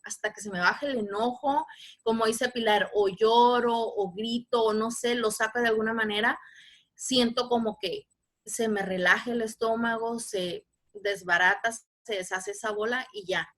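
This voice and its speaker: A woman with a Mexican Spanish accent runs a live online workshop over a video call. Her voice sits a little high, and she speaks patiently while asking the audience questions. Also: moderate pace, fairly bright tone. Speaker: workshop facilitator.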